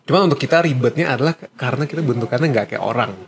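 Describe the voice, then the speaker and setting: A young man, one of the creators of an animated series, explaining their process in a relaxed, casual Q&A chat with many fillers. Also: medium pitch, very fast, gravelly.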